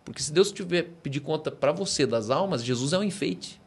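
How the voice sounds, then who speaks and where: On a podcast, a pastor with a Brazilian Portuguese accent lays out his beliefs with forceful rhetorical questions in a conversational sermon style. His fairly high, expressive voice has a breathy edge and moves fairly quickly.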